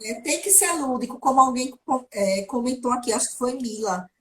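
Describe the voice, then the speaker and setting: A woman with a somewhat high voice joins a live chat on a video call as a guest speech therapist. She explains in a practical, teacherly way, with examples, and faint ambient noise sits behind her. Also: expressive, a little fast, a bit bright. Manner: didactic, gives practical tips with examples.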